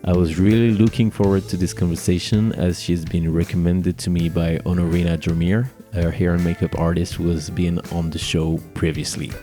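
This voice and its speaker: A man's voice: sits low, little pitch movement, normal speed, few pauses, mellow, faint music behind. A man who is a wedding officiant from France, hosting a podcast and interviewing a guest.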